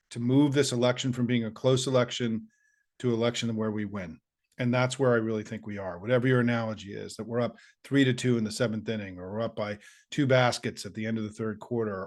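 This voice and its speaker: A middle-aged man with a slightly hoarse, squeaky voice, hosting his political show and giving an earnest, upbeat pep talk straight to his audience. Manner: earnest, upbeat, rallying, with listing and asides.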